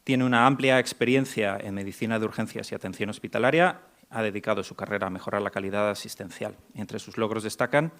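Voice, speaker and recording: Man, from Mexico, panel moderator, somewhat low voice, hesitant, restarts often. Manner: hesitant, many restarts and fillers. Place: conference hall.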